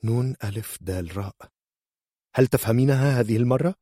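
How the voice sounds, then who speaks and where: A man voicing a calm, shrewd young female healer who talks in a cool, matter-of-fact, bargaining way. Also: fairly low pitch, fairly quick, husky, no room sound, studio quality, voice pushed up.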